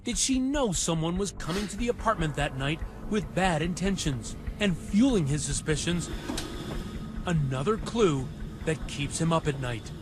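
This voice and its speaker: A man narrating a television news investigation in a measured, dramatic scripted delivery. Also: fairly high pitch, lively intonation. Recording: music bed under voice.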